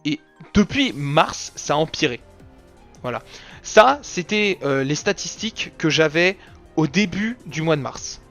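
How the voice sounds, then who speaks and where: A man's voice: a little high, lively intonation, a little slow, a bit bright, faint music behind. A young man in a casual, joking channel recap, full of slang. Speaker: YouTube gaming creator. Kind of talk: casual anniversary recap video.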